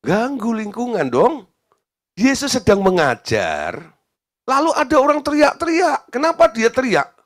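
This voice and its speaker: A male pastor delivering a sermon, animated, asking the congregation questions and acting out the voices of the people in his story. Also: extremely high pitch, unhurried.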